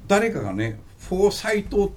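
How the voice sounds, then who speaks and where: A man's voice: high-pitched, normal speed. A man with a Kansai accent who tells stories in a joking, casual way as an interview guest. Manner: joking, animated storyteller. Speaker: interview guest, company founder. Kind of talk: casual storytelling in conversation.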